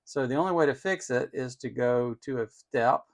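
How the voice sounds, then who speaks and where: Here the electronics-channel host speaks at medium pitch and a normal speed. Unscripted, he demonstrates tech one step at a time, voicing his opinions and leaning on important words.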